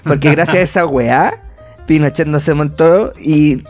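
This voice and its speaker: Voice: medium pitch, measured pace, a little mellow, faint music behind. A speaker with a Chilean accent, bantering casually with slangy jokes as a co-host. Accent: Chilean Spanish. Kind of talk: casual chat.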